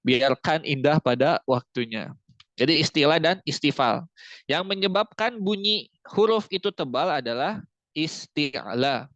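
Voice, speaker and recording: A man's voice: mid-range voice, a bit bright, dry recording. A man teaching Quran recitation in an online tajwid lesson, who explains patiently, repeats key points and models letter sounds. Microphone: video call. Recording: dry, muffled video-call audio.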